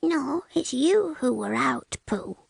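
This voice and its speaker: A woman's voice: high voice, expressive, slow, creaky, no echo, heavily acted. A woman playing a small, timid, anxious male piglet in a children's audio drama, speaking with a hesitant manner. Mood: mildly correcting. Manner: hesitant, stammering, questioning.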